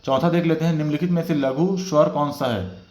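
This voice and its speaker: A man's voice: a little high, fairly even intonation, brisk, darkish tone. Man explaining exam answers, echoey room. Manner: explanatory, repeats "theek hai" as filler. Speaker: exam prep teacher.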